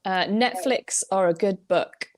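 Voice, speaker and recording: A woman co-hosting a casual chat, easygoing and quick to laugh, reading out quick-fire questions. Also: mid-range voice. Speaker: podcast co-host.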